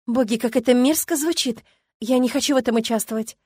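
A woman's voice: on the high side, fast talker, darkish tone, husky, dry recording, clean studio sound, pitched above the performer's own voice. A woman reading an audiobook, voicing a young noble wife who is tearful, pleading and defiant in turn. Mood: disgusted. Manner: tearful, pleading, angry outbursts.

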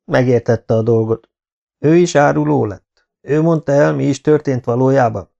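A scheming, bitter Saxon lord, as a male narrator puts him on, sneering and defiant. The voice is dark and gravelly in timbre. The recording is a little dull. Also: medium pitch, pitched above the performer's own voice, close to an everyday voice.

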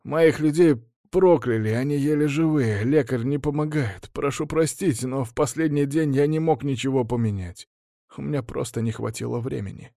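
A man's voice: medium pitch, moderate pace, vocal fry, mellow, no echo, studio quality, voice pushed up, natural voice. A man voicing a scheming noble baron who fawns before his master. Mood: pleading. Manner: pleading and eager to please.

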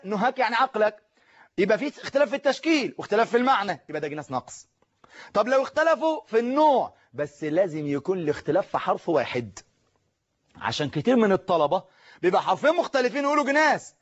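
Man, Egyptian Arabic accent, high voice, teacher, slow deliberate recitation, quizzing the class, muffled lo-fi broadcast audio. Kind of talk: televised classroom lesson.

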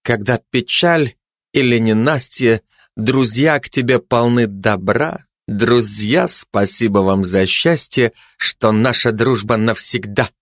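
A man's voice: mid-range voice, takes it slowly, a bit bright, no room sound, studio quality. A man doing a sly, mocking male dog. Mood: ironic. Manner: ironic, smirking.

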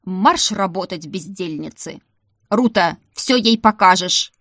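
A woman's voice: medium pitch, a little slow, no echo, clean studio sound, close to an everyday voice. A woman voicing a stern, strict werewolf housekeeper who speaks harshly and barks orders through gritted teeth. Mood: commanding.

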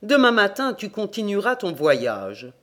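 A kindly, hospitable old priest from a storybook, as the audiobook reader puts him on, coaxing and firm at once. He chivvies and reassures in a voice of middle pitch. The lines are read with only light colouring. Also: very animated, measured pace, a bit bright. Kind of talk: audiobook character reading.

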